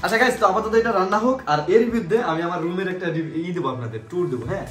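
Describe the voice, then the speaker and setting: A man's voice: high-pitched, very animated, rapid-fire, fairly bright tone. A young man with a Bangladeshi accent chatting casually and jokingly as he hosts a vlog. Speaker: vlogger hosting a food challenge. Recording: roomy echo, music underneath.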